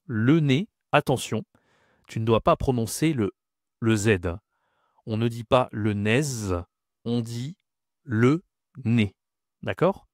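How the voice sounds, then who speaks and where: A male French teacher gives a vocabulary lesson at a slow, deliberate pace. He repeats each word with care and keeps checking that the learner follows. The sound is dry and close, with no room echo. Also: mid-range voice.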